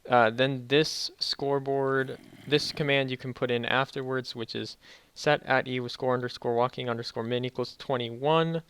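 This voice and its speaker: A young man giving a casual, halting game tutorial, speaking slightly muffled and carefully, as if sore after dental work. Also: mid-range voice, steady tone, a bit bright, clear, resonant tone. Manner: halting, self-correcting explanations. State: sore mouth after wisdom teeth removal, slightly muffled careful speech. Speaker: tutorial video host.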